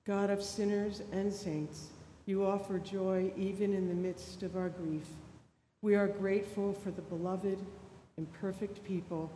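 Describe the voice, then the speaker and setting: Slow mellow woman with cathedral echo. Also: little pitch movement. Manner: slow, deliberate reading of names and petitions. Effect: cathedral echo, voice ringing through a large church. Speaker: prayer leader. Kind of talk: reading intercessory prayers. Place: large church sanctuary. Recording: echoey church hall, distant mic, faint rumble.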